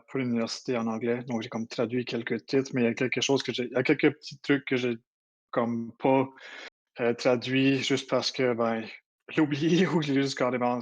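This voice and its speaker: Acadian French man, 30s, quick, hesitant guest presenter; flat pitch, dull call audio. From New Brunswick. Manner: fast-talking, many hesitations. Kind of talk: casual online presentation. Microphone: computer mic on a voice call.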